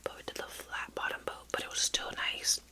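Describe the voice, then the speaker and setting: A middle-aged woman whispering a rambling, hesitant ASMR story close to the mic while chewing gum. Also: fairly quick. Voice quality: soft unvoiced whisper. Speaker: ASMR vlogger.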